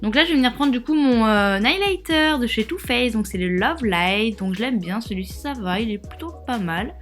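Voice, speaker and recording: A woman's voice: on the high side, expressive, moderate pace, a bit bright, faint music behind. Chatty young woman narrating a makeup tutorial. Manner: casual, rambling, lots of fillers and asides. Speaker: beauty vlogger.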